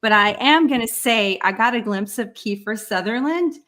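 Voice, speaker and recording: A woman guest on a podcast, answering in a relaxed, hesitant way with many fillers. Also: fairly high pitch, moderate pace. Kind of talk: casual interview answers.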